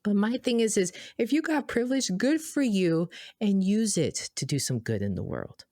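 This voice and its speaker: A woman from Boston co-hosting a podcast, telling stories in an animated, emphatic, casual way. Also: medium pitch, normal speed, no room sound, studio quality. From Boston, USA. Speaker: podcast co-host.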